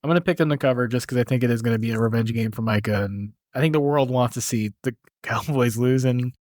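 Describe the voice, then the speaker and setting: A man's voice: mid-range voice, quick pace, darkish tone, dry recording, studio quality. A man co-hosting a sports podcast, giving easygoing picks in casual chat. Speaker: podcast co-host.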